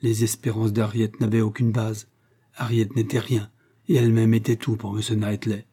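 A man narrating a classic novel in a calm, measured reading voice. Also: fairly low pitch, breathy edge. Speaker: audiobook narrator. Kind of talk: scripted narration.

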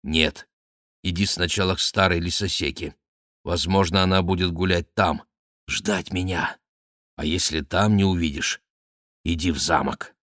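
A man voicing a lovesick young nobleman giving low, quiet instructions. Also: steady tone, a little slow, dry recording, clean studio sound. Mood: urgent.

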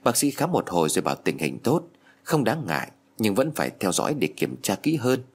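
A man's voice: fairly low pitch, wildly swooping pitch, brisk, breathy edge. A man narrating a spoken ghost story, reading every character's lines in his own voice. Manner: reads dialogue of all characters in his own voice. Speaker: audiobook narrator.

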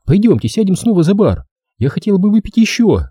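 A jittery, sharp-tongued young woman raises her voice in a high, husky register, as a male reader puts her on. The tone stays dark and mellow. It is heard in a dry, close audiobook recording. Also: big pitch swings, quick pace, no room sound, exaggerated voice. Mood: agitated.

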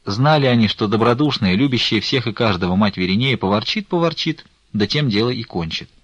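A man narrating a classic novel in an expressive storytelling manner. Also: on the low side, brisk, dry recording, lo-fi sound. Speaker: audiobook narrator.

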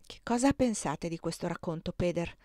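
A woman reading the part of the worried mistress of a household, who asks sharp, commanding questions, in a dry close recording. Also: lowish voice, expressive, moderate pace, dry recording, natural voice.

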